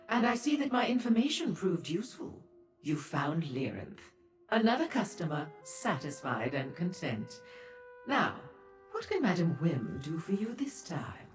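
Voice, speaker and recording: An actress playing a flirtatious, theatrical madam of a pleasure house in a fantasy video game, gushing coyly with drawn-out endearments. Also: female voice, low voice. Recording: roomy echo with music behind.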